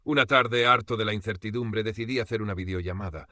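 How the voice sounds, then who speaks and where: An older man from Spain narrates a first-person story with dramatic tension. His lowish voice is bright and forceful. The recording is dry and close. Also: quick pace, no room sound. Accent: Spain Spanish. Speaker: audiobook narrator.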